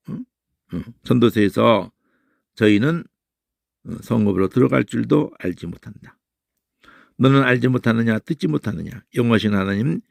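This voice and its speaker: A man teaching a Bible study lecture in an animated way, who keeps tossing in questioning "eh?" tags. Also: medium pitch, creaky, no room sound, clean studio sound.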